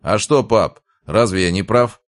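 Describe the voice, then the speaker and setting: A man reading the lines of a gruff, exasperated middle-aged father in an audiobook, loud and grumbling. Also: on the low side, measured pace, dry recording, studio quality, pitched above the performer's own voice, natural voice.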